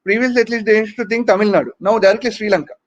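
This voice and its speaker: Man, Telugu accent, high voice, stand-up comedian, chatty storytelling, dull lo-fi recording. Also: fairly even intonation, racing. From Hyderabad region, southern India. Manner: conversational storytelling with rhetorical tags like "no" and "man". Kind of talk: stand-up comedy monologue to an audience.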